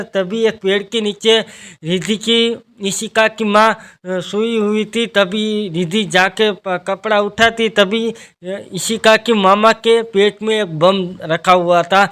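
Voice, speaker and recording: A man's voice: high-pitched, steady tone, takes it slowly, fairly bright tone, smooth. A man casually retelling a TV serial's plot, rambling along and chaining events one after another. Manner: rambling, strings events together with "then". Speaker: TV serial recap narrator. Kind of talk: casual spoken plot recap.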